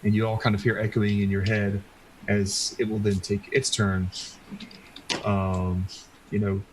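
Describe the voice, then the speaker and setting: A man's voice: on the low side, flat delivery, unhurried, noisy background. A man running a tabletop game as game master, narrating casually with frequent fillers.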